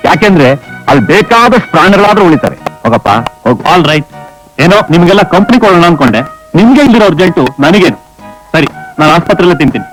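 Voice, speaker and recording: Stern household head, commanding, brisk, music behind. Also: male voice, sits high, sing-song, a bit bright, low-quality recording. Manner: firm, commanding. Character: stern adult man, household head, strict. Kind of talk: 1980s Kannada film drama acting.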